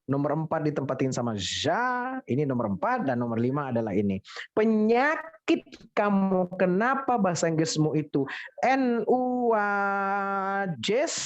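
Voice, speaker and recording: A man's voice: a little high, highs cut off. A man teaching English pronunciation in a playful, teasing way, drilling students and exclaiming at their mistakes in an online class. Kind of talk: teasing casual class instruction.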